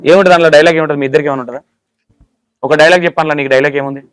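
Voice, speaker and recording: A man's voice: on the high side, steady tone, very fast, clean tone, dry recording. A man with a Telangana accent conducting a casual interview, asking teasing, playful questions. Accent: Telangana Telugu.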